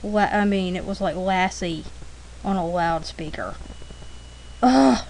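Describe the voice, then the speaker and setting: Slow and a little mellow, her fairly low voice accompanies a drawing demonstration full of casual, rambling anecdotes. The woman is chatty and informal and often clears her throat, captured in a rough recording with slight background noise.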